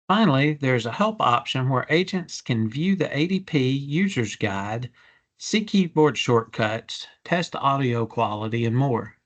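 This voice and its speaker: A man with a medium-pitched voice giving a product demonstration. He explains software features step by step in a measured, businesslike manner. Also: animated.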